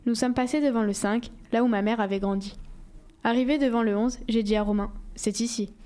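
A woman reading a first-person novel aloud in a steady, measured storytelling voice. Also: fairly high pitch. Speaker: audiobook reader.

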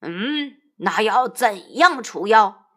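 A woman voicing a calm, wise male bodhisattva in a storybook tale, speaking in a lowered, measured voice.

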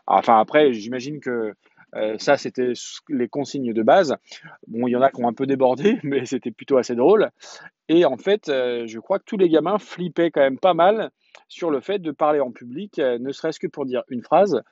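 A man in his thirties or forties telling a personal story in a casual podcast monologue, halting often on fillers and restarts. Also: mid-range voice, expressive, a little mellow, no room sound, dull audio. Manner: hesitant, chatty storytelling with many fillers and restarts.

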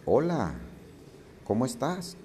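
A man voicing a calm father who patiently explains a life lesson to his son in a storybook parable. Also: medium pitch, slow pace, slight background noise, voice pushed up. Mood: gently instructive.

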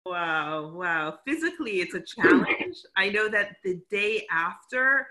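A woman hosts a casual conversation in a bright, forceful voice. She responds in a reflective, encouraging way and sums up what her guest says. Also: mid-range voice, expressive, measured pace. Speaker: host. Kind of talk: casual chat.

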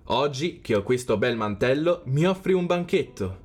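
Man voicing a calm wise king. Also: medium pitch, moderate pace, natural voice.

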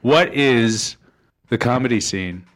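A man's voice: mid-range voice, takes it slowly, fairly bright tone. A man hosting a casual podcast, asking rambling questions in a laid-back way and chuckling along. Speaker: podcast host.

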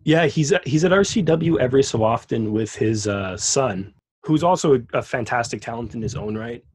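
A man's voice: medium pitch, lively intonation, moderate pace, breathy edge. A man co-hosting a podcast, chatting casually and enthusiastically about wrestling. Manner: enthusiastic, rambling with restarts. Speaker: podcast co-host.

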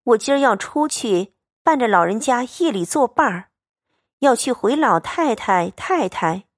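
A woman reading as a calm, tactful young lady. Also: on the high side, unhurried, dry recording, studio quality, pitched above the performer's own voice. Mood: composed. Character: composed, tactful young noblewoman.

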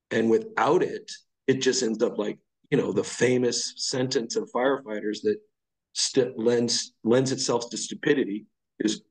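A man's voice: mid-range voice, rough recording. A middle-aged man guest on a podcast, explaining ideas in a blunt, profane, casual way. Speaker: podcast guest, fire lieutenant. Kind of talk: casual conversational chat.

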